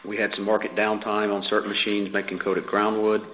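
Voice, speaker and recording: A man presenting earnings results as chief financial officer reads a formal, scripted statement over a conference phone line. He speaks fairly quickly in a fairly low, level tone, sounding businesslike throughout.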